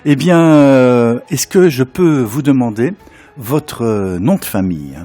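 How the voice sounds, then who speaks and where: A man hosting a conversational radio interview, asking drawn-out, hesitant questions and echoing what he hears. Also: medium pitch, lively intonation, dark tone, faint music behind.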